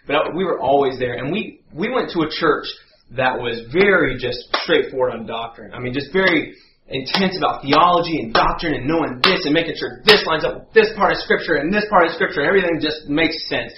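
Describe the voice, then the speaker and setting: A man telling a lively story in a sermon, acting out voices and sound effects as he goes. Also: a little high, normal speed. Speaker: guest preacher. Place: church sanctuary. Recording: echoey church, dull sound, faint hum.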